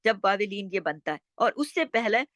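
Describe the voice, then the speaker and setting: A woman teaching Quran recitation step by step, explaining rules slowly and chanting words drawn out. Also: mid-range voice, sing-song, a bit bright, no room sound.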